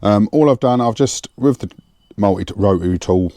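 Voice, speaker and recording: A home mechanic vlogger works on an engine in his garage, chatting casually and thinking aloud with plenty of fillers into a clip-on lapel mic. His voice is lowish and warm at a moderate pace, with no room sound.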